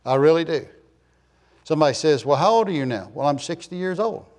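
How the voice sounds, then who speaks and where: A man's voice: fairly high pitch, lively intonation, brisk, darkish tone. A man in his sixties preaching in a church in a rambling, folksy way, joking and telling stories to the congregation. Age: 60s. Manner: joking storyteller, chatty asides to the congregation. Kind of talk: folksy, rambling sermon talk.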